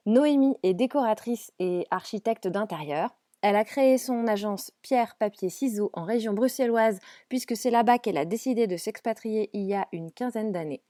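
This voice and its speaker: A woman's voice: a little high, mellow, dry recording, studio quality. Upbeat woman podcast host. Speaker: interior architect and decorator. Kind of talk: scripted podcast intro, then casual interview chat.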